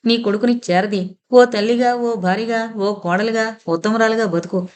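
A woman's voice: fairly high pitch, fairly even intonation, moderate pace, a little mellow, smooth, close to an everyday voice. A woman reading the lines of a stern, scolding woman who keeps insisting and commanding.

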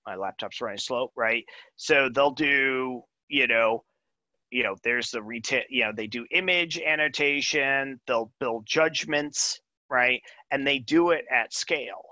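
Casual male presenter, bright dry voice, talks through a demo over a video call. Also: mid-range voice, no room sound, lo-fi sound. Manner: casual, thinks aloud with frequent "right?" and "um". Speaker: presenter demoing software.

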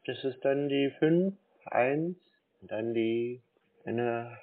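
On a phone call over a dull, band-limited line, a scam baiter with a mid-range voice pretends to be a gullible pensioner. He talks slowly and haltingly, dithering and repeating himself as part of the act.

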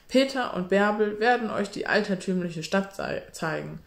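A woman's voice: medium pitch, lively intonation, normal speed, gravelly. Woman doing a cold bossy stepdad from a kids' storybook, clipped orders, roomy echo. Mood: polite. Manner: clipped, commanding. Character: cold, stern smiling stepfather, middle-aged man.

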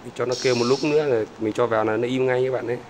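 A man's voice: medium pitch, fairly even intonation, racing, background noise. A man chatting casually to his viewers outdoors by bird cages, repeating little "there" words as he points things out. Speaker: bird-keeping vlogger. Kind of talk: casual talk to camera viewers.

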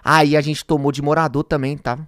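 A man's voice: fairly high pitch, flat delivery, brisk, a bit bright, no room sound, clean studio sound. A young man with a Brazilian accent, a guest telling a story in casual chat while walking someone through a video clip. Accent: Brazilian Portuguese. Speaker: guest streamer.

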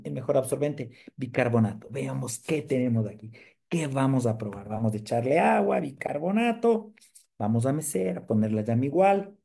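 A man's voice: mid-range voice, gravelly, slightly rough. A man leading a live sales training demonstration, joking with and quizzing his audience. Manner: lively, jokes and quizzes the audience.

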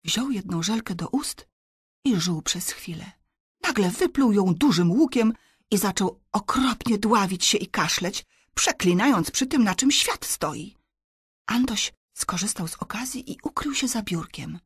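A woman narrating a children's audiobook in an expressive, dramatic reading voice. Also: medium pitch, measured pace, husky, no room sound, studio quality. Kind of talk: scripted storybook narration.

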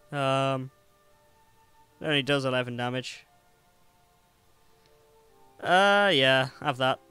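A man's voice: mid-range voice, bright, forceful tone, smooth, no room sound. Jokey man commentating a game. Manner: chatty, jokey, talks back to characters. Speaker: gameplay commentator. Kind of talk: let's play commentary.

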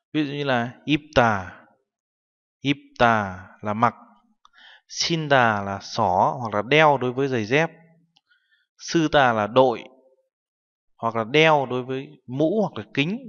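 A man's voice: mid-range voice, a bit bright, clean tone. A man giving a classroom-style language lesson. He walks through each term patiently, translating it word by word. The recording sounds dull, with a long reverb trailing behind his voice. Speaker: Korean language teacher.

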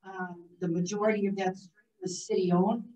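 Hoarse woman chatting in an echoey room. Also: mid-range voice, fairly even intonation, moderate pace, dark tone. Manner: rambling and chatty, thinks aloud. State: hoarse after voice box surgery. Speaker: meeting emcee introducing the speaker. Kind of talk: casual club-meeting remarks. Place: meeting room. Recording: echoey room, distant muffled mic.

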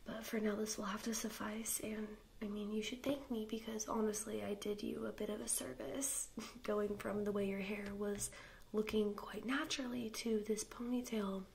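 Woman acting a snippy popular girl, ASMR role-play, creaky. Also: medium pitch, fairly even intonation, normal speed, a little mellow, a little hiss or hum, close to an everyday voice. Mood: smug, belittling. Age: young adult. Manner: mock-sweet, snippy, condescending. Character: snooty mean popular girl at a party. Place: small indoor room, seated before camera.

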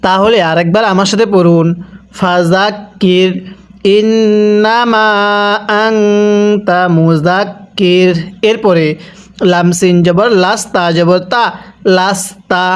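A man teaching Quran reading who spells out each syllable and then chants the verse slowly for students to repeat. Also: high voice, fairly even intonation. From Bangladesh.

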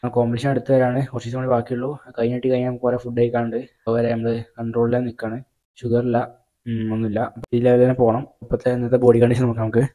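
A man's voice: mid-range voice, completely flat delivery, racing, dark tone. A young man narrating a casual bodybuilding vlog in a matter-of-fact way, recorded on a phone camera in a small room at home. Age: young adult. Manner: matter-of-fact, talks through his diet and training plans. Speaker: bodybuilding vlogger.

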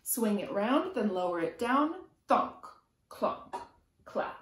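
Slow and very animated at medium pitch, a woman in her thirties reads aloud to young kids the way a preschool teacher would, rhythmic and emphatic. Sound words get extra stress in her sing-song delivery. She's indoors in a small room at home, and the camera a few feet away adds a roomy echo.

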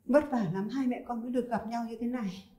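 An actress playing a kind older mother-in-law and grandmother, with a gentle, coaxing manner. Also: fairly high pitch, fairly even intonation, fast talker, close to an everyday voice. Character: kindly grandmother, warm forgiving mother-in-law. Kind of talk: web drama acting. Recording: echoey room with faint music.

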